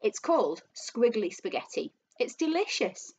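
Woman reader playing a gleeful, nasty old woman, high and sing-song. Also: big pitch swings, unhurried, husky, highs cut off, exaggerated voice. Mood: sly.

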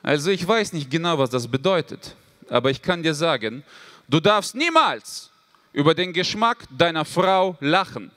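A man's voice: a little high, animated, moderate pace, pushed and bright, pitched below the performer's own voice. A man doing a stern manly father. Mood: lecturing. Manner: lecturing, solemn advice, hesitant fillers. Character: stern, proudly manly older father giving life advice.

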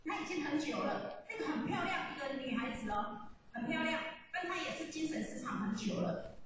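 A woman giving a lively religious testimony, telling her story with laughs. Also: high-pitched, moderate pace, slight background noise. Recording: echoey hall from far off.

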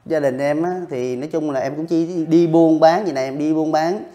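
A man speaks in casual interview talk. He is earnest and keeps circling back over the same points, his voice sitting a little high for a man. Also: fairly even intonation, a little fast, mellow, dull audio. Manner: earnest, repeats himself while recounting. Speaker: interviewee, street vendor.

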